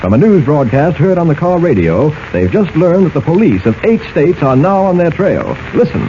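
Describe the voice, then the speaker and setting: A man's voice: a little high, very animated, normal speed, dark tone. A man narrating a radio serial with dramatic storytelling delivery, heard through an old 1940s radio broadcast. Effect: old 1940s radio broadcast sound. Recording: muffled 1940s radio transcription with hiss.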